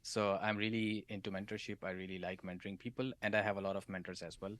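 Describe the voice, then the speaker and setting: A man's voice: sits low, flat delivery, fast, fairly bright tone, no echo. A man being interviewed on a podcast as a solutions architect, giving advice and often checking in with "right?". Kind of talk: casual interview chat.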